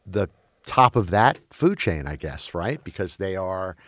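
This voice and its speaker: A man with a lowish voice, chatting loosely about film and streaming. He grew up in Belgium, and he restarts his sentences and hunts for words as he goes. The sound is dry and close. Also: very animated, fairly bright tone, dry recording. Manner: halting, many restarts and fillers.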